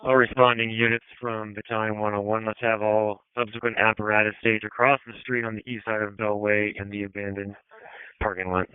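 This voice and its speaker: A man working as a fire incident commander, giving brisk, procedural commands over a two-way radio. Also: on the low side, level tone, smooth, dry recording. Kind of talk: fire radio dispatch traffic, clipped commands. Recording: narrow-band two-way radio transmission.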